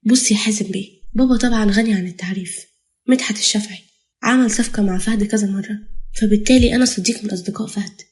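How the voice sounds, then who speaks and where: A woman's voice: mid-range voice, very fast, a little mellow, lightly acted. A woman voicing a young man confessing to an officer, in an Egyptian accent, with a resigned manner.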